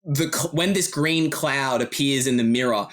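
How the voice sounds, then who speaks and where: A man who ran a tabletop game, recapping it in relaxed, casual podcast chat with lots of fillers and laughter. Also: medium pitch, moderate pace. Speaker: game master.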